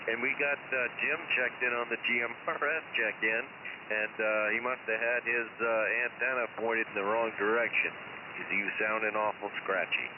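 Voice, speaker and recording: A man's voice: medium pitch, fairly even intonation, moderate pace. A man making casual conversation as an operator on a CB radio. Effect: CB radio transmission. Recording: tinny radio band, clear hiss.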